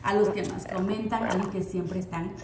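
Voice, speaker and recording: A woman's voice: medium pitch, steady tone, moderate pace. A woman vlogger chatting casually to viewers and cooing affectionately at her parrot and cat at home. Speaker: pet vlogger, parrot owner. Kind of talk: casual vlog chat with pets. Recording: echoey room with loud background noise.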